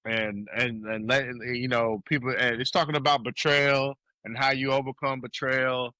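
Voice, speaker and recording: A man in his thirties with a Southern US accent talks as a guest on an interview show. He is laid-back, repeats himself as he gathers his thoughts, and his voice is bright. The sound is dry and close. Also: mid-range voice, flat delivery, normal speed, no echo. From South Carolina. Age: 30s. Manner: laid-back, repeats words, lots of shout-outs. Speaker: guest rapper. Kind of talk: casual interview chat.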